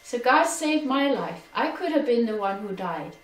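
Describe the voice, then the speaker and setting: Middle-aged Danish woman, earnest testimony, fairly high voice, a little off-mic. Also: sing-song, normal speed. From Denmark. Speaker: personal testimony speaker. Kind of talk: personal testimony. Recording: echoey room, distant from mic.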